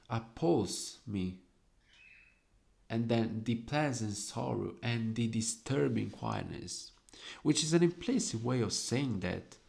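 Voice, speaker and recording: A young man slowly explaining the devices in his own poem, lingering over each quoted verse word. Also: mid-range voice, creaky, a little mellow. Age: young adult.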